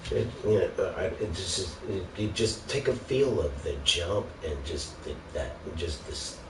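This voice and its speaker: A man's voice: low-pitched, expressive, measured pace. A man on a casual, sweary gaming rant, complaining in an exasperated, sarcastic way. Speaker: video game ranter. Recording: roomy, noisy, distant microphone.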